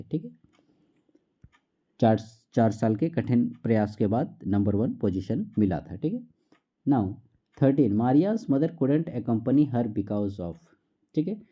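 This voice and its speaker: A man teaching a class quiz, who reads each question slowly and keeps checking in with the listener. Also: medium pitch, muffled recording. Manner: repeats "theek hai" often, reads questions slowly.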